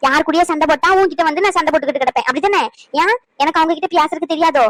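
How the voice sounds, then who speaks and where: A woman's voice: high-pitched, no echo, low-quality recording. A woman voicing a stern grandmother and mother-in-law who grumbles and scolds in a cartoon. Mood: scolding. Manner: sharp, grumbling, rapid scolding. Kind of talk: cartoon voice acting.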